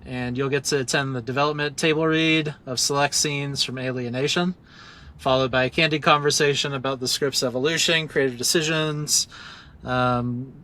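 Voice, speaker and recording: A man's voice: mid-range voice, bright, forceful tone. A man hosting a casual video call interview, upbeat and joking, laughing a lot. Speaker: podcast host.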